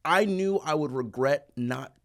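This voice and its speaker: A man in his thirties, a guest in a casual interview, telling stories in an animated way and acting out what people said. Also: fairly high pitch, measured pace. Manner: animated, acts out quoted people.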